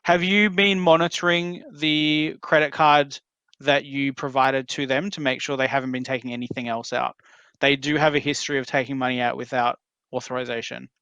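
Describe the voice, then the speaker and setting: A man talking someone through steps in a calm, explanatory, reassuring way, like a support caller advising a victim. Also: mid-range voice, moderate pace, clean tone, dry recording. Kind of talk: phone support conversation.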